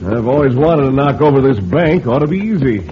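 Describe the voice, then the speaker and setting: An actor playing a cold, decisive bandit leader with folksy western wording in an old radio drama. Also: male voice, mid-range voice, expressive, fairly quick, lightly acted. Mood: scheming. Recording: muffled, noisy vintage radio recording.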